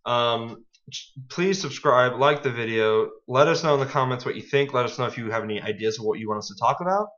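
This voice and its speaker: A man's voice: mid-range voice, fairly quick. Young male podcast co-host, jokey rambling chat, dull lo-fi sound. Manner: joking, rambling, animated. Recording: dull lo-fi home recording.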